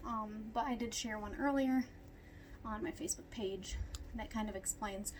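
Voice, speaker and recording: A woman's voice: fairly high pitch, normal speed, slight background noise. Breathless woman explaining dog nail care. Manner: chatty, lots of ums, talks to her dogs. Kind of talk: casual how-to explanation. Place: at home with dogs.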